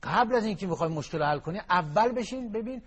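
A man giving an impassioned motivational talk, swinging between hushed and emphatic delivery and reciting verse. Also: sits high, animated, breathy edge. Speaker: guest speaker on happiness and hope.

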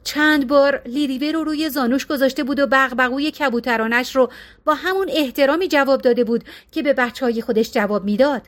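A woman reading a novel as an audiobook narrator, in a steady, measured manner. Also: sits high. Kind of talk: scripted narration.

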